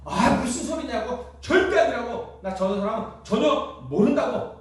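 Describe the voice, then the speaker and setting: Guilt-ridden disciple, as a preacher voices him. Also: male voice, very high-pitched, lively intonation, normal speed, voice pushed up. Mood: frightened denial. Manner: emphatic quoted speech within a sermon. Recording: very echoey church hall from a distant mic.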